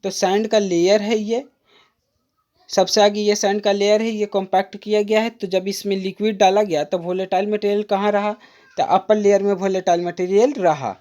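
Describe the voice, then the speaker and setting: A woman tutoring diploma students for exams, explaining a diagram patiently and repeating key terms. She reads textbook definitions aloud slowly and calls the viewers "friend". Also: medium pitch, steady tone, warm tone. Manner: patient, repetitive, addresses viewers as friend, mixes in English terms. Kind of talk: exam-prep lecture, explaining a diagram.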